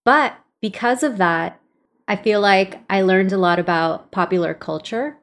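A woman's voice: medium pitch, a little slow. A woman from El Salvador co-hosting a podcast in casual chat, explaining things and laughing easily. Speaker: podcast co-host.

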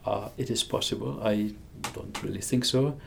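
A Hungarian-accented physicist in his sixties talks enthusiastically in a conversational interview, chuckling often and restarting sentences. His fairly low voice has vocal fry and a moderate pace, with a little hiss or hum on the recording.

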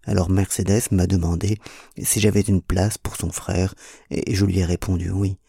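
Defiant young woman in a storybook reading, performed by a man, teasing, gravelly and husky. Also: low voice, level tone, moderate pace, warm tone, no echo, exaggerated voice. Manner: mocking, defiant. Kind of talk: audiobook reading.

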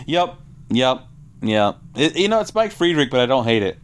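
In clean audio, a male podcast co-host with a mid-range voice and big pitch swings talks at normal speed about a comic book. He first reads the issue credits and plot, then chats informally, using lots of fillers and repeating himself.

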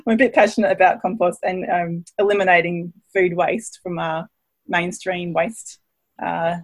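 A woman's voice: fairly low pitch, unhurried. An Australian woman in her thirties, a podcast guest chatting casually and enthusiastically, laughing often. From Brisbane, Australia. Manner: enthusiastic, laughs often, thinks aloud with fillers. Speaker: guest, permaculture designer.

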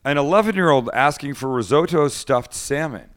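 A man's voice: a little high, animated, normal speed, fairly bright tone. A middle-aged man hosting a podcast, chatting casually in a rambling, joking, teasing way. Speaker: podcast host. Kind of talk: casual chat.

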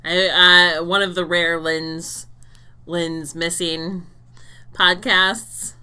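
Slow-talking bright-voiced woman host. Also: lowish voice, flat delivery, clean tone. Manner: laughing, teasing banter. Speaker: podcast co-host. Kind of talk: casual chat.

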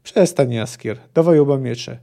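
A man's voice: medium pitch, a little slow, gravelly, dark tone. A man reading aloud as a grim, terse male monster hunter, with curt, dry delivery.

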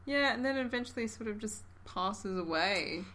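A woman's voice: medium pitch, lively intonation, moderate pace, a bit bright. A woman with a mid-range voice co-hosts a history podcast. Her talk is casual and conversational, with a playful, dry sense of humour. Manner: playful, dryly humorous. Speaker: podcast co-host.

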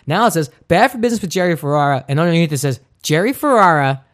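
A man's voice: a little high, expressive, fast, a bit bright. A man in his thirties hosting a podcast, chatting casually and joking through upbeat ad reads. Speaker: podcast host.

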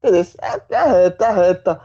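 A man, a football pundit in casual chat, animated, swearing and full of folksy analogies. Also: high voice, brisk, dull audio. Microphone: remote call.

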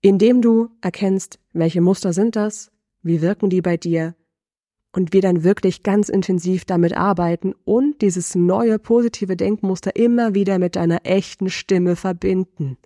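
A middle-aged woman voice coach giving a lesson, asking the listener slow, deliberate reflective questions. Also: mid-range voice, mellow, no echo, studio quality.

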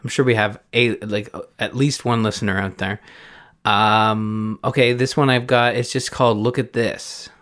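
A Canadian man with a fairly low voice hosts a casual film podcast. He rambles, restarts his sentences and laughs easily. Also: fairly even intonation, normal speed, fairly bright tone. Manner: rambling, chuckling, many restarts. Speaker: podcast host.

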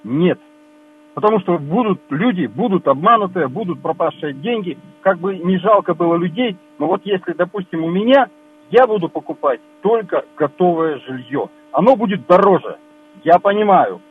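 A man calling in to a radio talk show over a phone line, speaking plainly and haltingly. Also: sits high, expressive. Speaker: radio caller. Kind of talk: call-in comment. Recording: tinny hum-laden phone line.

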